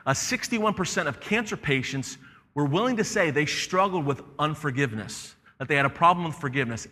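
A man preaching a sermon as pastor, animated and conversational, acting out the voices in the story he tells. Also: fairly high pitch, big-room sound.

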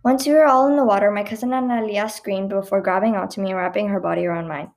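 A woman reading her own personal story aloud in a lively, expressive way, with a few small stumbles. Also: mid-range voice, fast.

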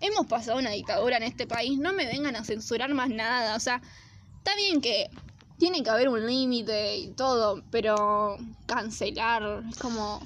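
A woman's voice: fairly high pitch, moderate pace, fairly bright tone, a little hiss or hum. A young woman with a Rioplatense accent, co-hosting a casual podcast, speaking in a blunt, crude, opinionated way. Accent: Rioplatense Spanish. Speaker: podcast co-host. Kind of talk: casual chat.

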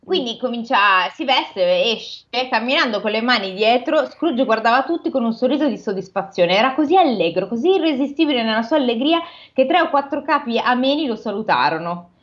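A woman's voice: a little high, fairly quick, hardly any pauses. Chatty woman reading aloud casually. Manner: lively, chatty, breaks off to joke. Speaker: host retelling a classic novel. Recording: dull lo-fi recording.

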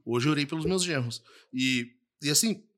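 A man's voice: a little high, moderate pace, fairly bright tone. A man, a pastor on a podcast, earnest and affirming as he states his points firmly. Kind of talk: casual podcast chat.

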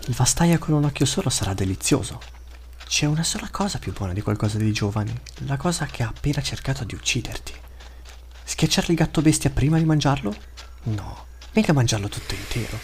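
A man's voice: medium pitch, lively intonation, a little fast, slight background noise, voice pushed up, lightly acted. A man voicing the inner thoughts of a huge, hungry male beast that talks in short, broken phrases. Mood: gloating. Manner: terse broken inner monologue.

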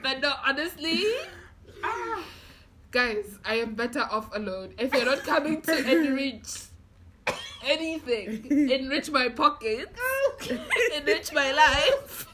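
A high-voiced woman with a very lively, swooping pitch speaks slowly and playfully, laughing between emphatic lines. The recording carries a clear hiss and some clicks. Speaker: podcast co-host. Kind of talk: casual chat.

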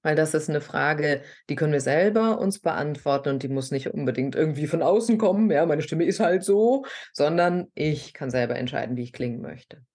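A woman with a notably low, grounded speaking voice talks as a guest on a podcast. She is a middle-aged voice coach from southern Hesse who explains things in an animated, teacherly way. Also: a little fast, few pauses. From southern Hesse, Germany. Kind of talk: podcast interview conversation.

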